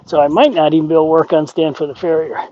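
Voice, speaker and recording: A man's voice: fairly high pitch, fairly even intonation, racing, darkish tone, slight background noise. An older man working as a horse trainer, explaining things in casual talk and often acting out imagined quotes. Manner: conversational, acts out imagined quotes. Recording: dull lo-fi audio.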